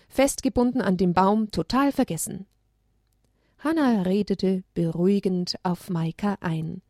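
A woman reading a children's story aloud, expressive and steady at a middle pitch. The recording is dry and close, with no room echo. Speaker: narrator.

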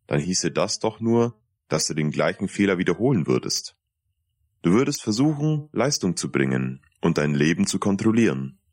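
Male reader doing warm older guide figure, calm and reassuring, low voice, dry studio. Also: no echo. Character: kind older man, dead yet vibrant, reassuring. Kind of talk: audiobook dialogue.

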